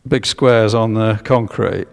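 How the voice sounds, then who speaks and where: A man's voice: on the low side, takes it slowly, creaky. A man giving a public history talk with slides, hesitant with many fillers and restarts, drawing guesses from the audience. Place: church. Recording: long echo of a church hall.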